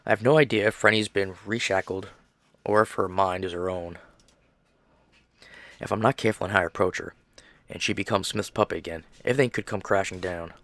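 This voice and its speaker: A man narrating a game playthrough, reading the text aloud and adding lively asides. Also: deep voice, fairly quick, pauses often, no echo. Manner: animated, reads aloud with asides. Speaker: game streamer.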